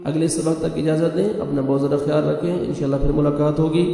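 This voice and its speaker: A man's voice: on the high side, little pitch movement, fast, creaky, warm tone. A man teaching a Quran recitation lesson, patiently and methodically spelling out letters and vowel marks step by step. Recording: roomy reverb, long echo, faint music.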